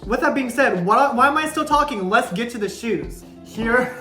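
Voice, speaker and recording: A woman YouTuber chatting excitedly through a casual unboxing vlog, her voice bouncing around a kitchen in a heavy echo. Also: a little high, normal speed. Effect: heavy room echo. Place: kitchen indoors. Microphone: camera mic, no clip-on. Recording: echoey kitchen with faint music.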